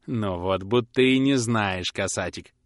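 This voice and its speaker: A man's voice: lowish voice, unhurried, no room sound, studio quality, lightly acted. A man voicing a grasping, sly old woman who coaxes and snaps as she pries for secrets, in a storybook reading. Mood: coaxing. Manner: wheedling, coaxing, then snapping. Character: grasping sly old crone, prying and fierce.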